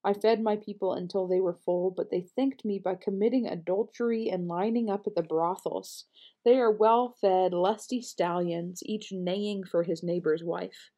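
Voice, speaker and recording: A woman reading scripture aloud in a measured, earnest way, with the odd small slip. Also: medium pitch, steady tone, warm tone. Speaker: scripture reader.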